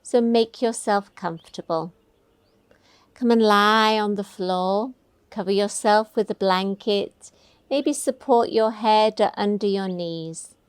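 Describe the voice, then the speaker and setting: A woman leads a guided meditation, giving gentle, soothing instructions without hurrying. Her voice is medium-pitched and clean, with no room sound.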